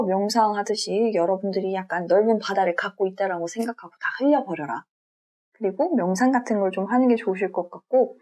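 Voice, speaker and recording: A young adult woman giving a general tarot reading, speaking gently and reassuringly straight to her viewers. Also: medium pitch. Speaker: tarot reader.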